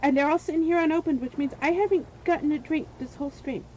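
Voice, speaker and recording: A woman streaming gameplay, her voice hoarse and wearing out, rambling and venting between comments on the game. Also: high voice, quick pace, darkish tone, dull audio, slight background noise.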